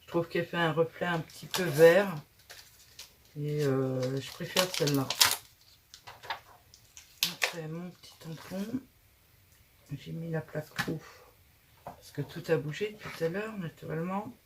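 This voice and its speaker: A woman's voice: sits low, a little slow, long pauses, very noisy. A woman hosting a casual craft tutorial, chatting and thinking aloud as she works, with frequent hesitations.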